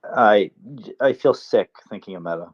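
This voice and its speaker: A man's voice: lowish voice, normal speed, breathy edge. Man on a patchy, uneven-volume connection. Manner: joking, mock-indignant banter. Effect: connection cutting out, uneven volume. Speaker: panelist on a live audio talk space. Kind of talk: casual chat. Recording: dull lo-fi online call audio.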